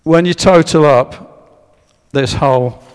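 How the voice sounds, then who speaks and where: A man's voice: on the high side, takes it slowly, clean tone. Man lecturing in an echoey church. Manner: hesitant, many fillers and restarts, invites audience guesses. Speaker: speaker giving a history talk. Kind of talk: public lecture with slides. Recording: long echo of a church hall.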